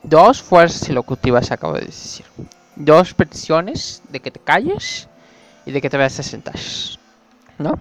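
A man's voice: on the high side, huge pitch swings, unhurried, faint music behind. A young man telling a rambling, gossipy story as a vlogger. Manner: rambling and gossipy, full of fillers and tag questions. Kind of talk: casual storytelling.

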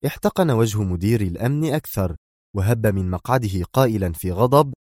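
A man reading a spy novel aloud as narrator, in a steady, measured delivery. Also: lowish voice, no echo, clean studio sound. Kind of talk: scripted audiobook narration.

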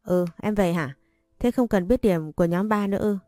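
A woman voicing a calm, fair female schoolteacher in a storybook reading, gentle and patient. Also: mid-range voice, normal speed, no echo, studio quality, natural voice.

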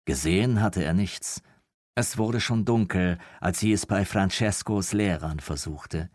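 Deep-voiced male audiobook narrator. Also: a little slow, darkish tone, dry recording, studio quality.

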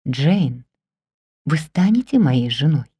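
Woman reader doing an ardent middle-aged man: low, intense, dry close audiobook sound. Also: expressive, takes it slowly, mellow, slightly rough, no echo, full character voice. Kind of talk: audiobook character reading.

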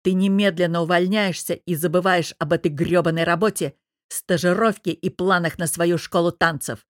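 A woman's voice: fairly low pitch, fairly even intonation, moderate pace, no echo, studio quality, lightly acted. A woman voicing an angry, domineering, jealous young businessman husband who growls and barks his words. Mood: angry shouting. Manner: growling, barking, hissing through teeth.

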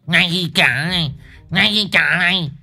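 A man's voice: high voice, moderate pace, creaky, pushed and bright, soft background music, pitched above the performer's own voice, exaggerated voice. A man voicing a brash, fierce country woman who shrieks crude threats in a ghost story. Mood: furious taunting.

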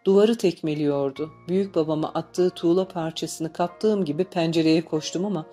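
A woman reading a novel aloud as an audiobook narrator, in calm, measured storytelling. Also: deep voice, soft background music. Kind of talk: scripted narration.

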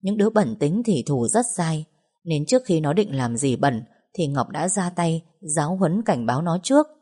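Low-voiced woman narrating a story. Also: moderate pace, slightly rough. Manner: steady, expressive storytelling. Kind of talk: dramatized audiobook narration.

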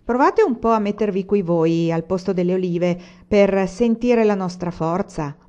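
Woman putting on a grumpy old guy cursing everyone, loud and gruff, lo-fi sound. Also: medium pitch, normal speed, close to an everyday voice. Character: grumpy old male vegetable grower, cursing.

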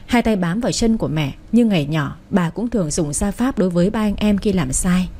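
A woman narrating a family drama story in a steady, even-paced reading. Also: medium pitch, a little fast.

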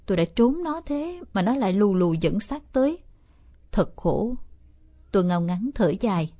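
A woman reading a first-person story aloud as an audiobook narrator, steady and expressive. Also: mid-range voice, normal speed, dry recording, clean studio sound.

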